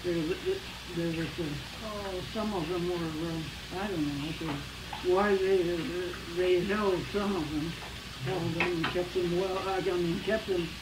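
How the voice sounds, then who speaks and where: An elderly woman rambles and loses her thread in a casual family chat. She is caught on an old VHS home video by a camcorder across the room. The sound is roomy, with loud hiss and kitchen sizzle behind her. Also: lowish voice, recorded from a distance. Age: 80s or older. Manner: halting and wandering, losing her thread. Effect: old home VHS tape sound. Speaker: great-grandmother being interviewed. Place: home kitchen with cooking going on. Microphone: camcorder mic across the room.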